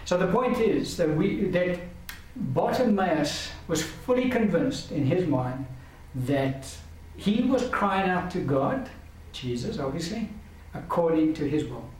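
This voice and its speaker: A man's voice: fairly high pitch, expressive, slow, darkish tone. A man giving a Bible teaching lecture in an earnest, emphatic way, driving points home through repetition. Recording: very echoey, distant mic, faint hiss.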